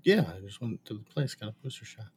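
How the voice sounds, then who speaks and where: A man's voice: lowish voice, big pitch swings, fast talker, darkish tone, slightly rough. A man co-hosting a podcast in casual chat, somewhat hesitant and repeating short phrases. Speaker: podcast co-host.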